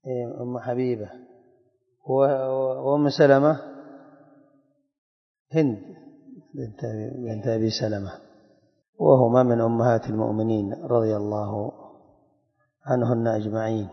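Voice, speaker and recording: A man giving a religious lesson, reading chains of narrators and explaining them slowly, and asking his students questions. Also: medium pitch, flat delivery. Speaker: hadith teacher. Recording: dull echoey hall recording.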